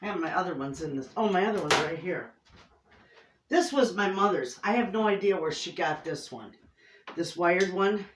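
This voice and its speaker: A woman's voice: lowish voice, expressive, normal speed, slight background noise. A middle-aged woman with an Inland Northern Michigan accent, chatting casually and effusively to camera in a folksy way, often repeating herself. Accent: Inland Northern American (Michigan). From Michigan, United States. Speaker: homestead cooking vlogger. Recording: roomy echo, distant microphone.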